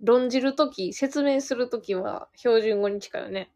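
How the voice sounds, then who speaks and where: A woman's voice: a little high, mellow. A woman, co-hosting a podcast in casual chat, teasing and laughing often. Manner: teasing, quick back-channel replies, laughs often. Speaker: podcast co-host.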